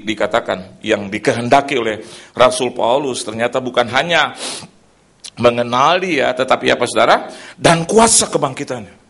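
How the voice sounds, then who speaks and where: A middle-aged man preaching a lively sermon in a church, swinging between loud and soft and adding sound effects. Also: mid-range voice, gravelly. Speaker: pastor, evangelist.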